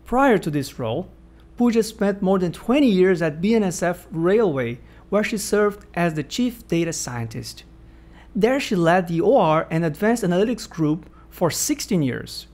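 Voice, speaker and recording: The man hosting this podcast interview opens with a formal introduction of his guest and follows with friendly questions meant to encourage. He sounds animated, his high-sitting voice carrying a darkish tone at a moderate pace.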